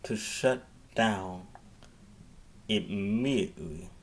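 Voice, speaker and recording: Speaking as a mayor in an improvised public address, a man with a fairly low voice halts often, repeating and restarting his phrases.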